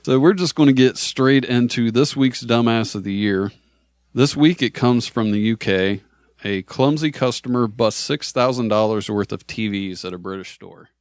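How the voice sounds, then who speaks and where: An American man hosts a casual comedy podcast in an easygoing, conversational way, laughing often as he talks. His voice is medium-pitched, at a moderate pace, with no room sound.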